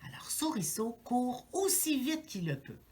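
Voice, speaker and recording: A woman's voice: fairly high pitch, very animated, a little slow, warm tone, a little hiss or hum. A woman with a Québécois accent, a daycare educator, reading a picture book aloud to young children with gasps and asides. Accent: Québécois French.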